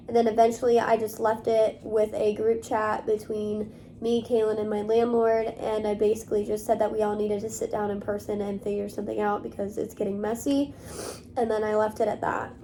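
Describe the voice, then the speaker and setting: A woman's voice: fairly high pitch, dark tone, slight background noise. A young woman vlogging to camera in casual talk, rambling along with many fillers. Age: young adult.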